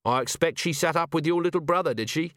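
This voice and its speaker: A man voicing a shrewd male watch commander in an audiobook, dry and gently probing. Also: a little high, quick pace, dry recording, pitched above the performer's own voice, close to an everyday voice. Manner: dry, gently coaxing questions.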